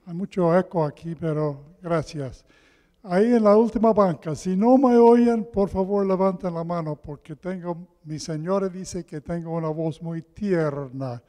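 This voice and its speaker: A man delivers a sermon at an unhurried, deliberate pace. His voice is fairly high for a man and softly mellow, and it rings through a big hall with long, cathedral-like echo. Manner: deliberate, repeats key phrases for emphasis. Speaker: guest preacher. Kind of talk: sermon with Bible reading. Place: large echoing hall with pews.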